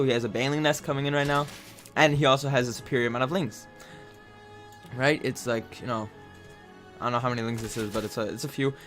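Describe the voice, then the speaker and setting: A man's voice: mid-range voice, fairly bright tone. Chatty man casting a game replay. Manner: rambling, chatty, many fillers and restarts. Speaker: video game caster. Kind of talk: casual replay commentary.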